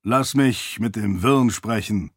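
A man's voice: fairly low pitch, takes it slowly, no echo, clean studio sound. A man voicing a scheming male priest who speaks formally and with deference to his master. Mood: commanding. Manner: ceremonious, smooth.

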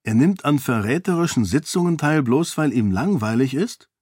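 Casting: sharp-witted young princess, read by a man, teasing and quick, raised voice, husky edge, dry close audiobook sound. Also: mid-range voice, expressive, no room sound, pitched above the performer's own voice. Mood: exasperated.

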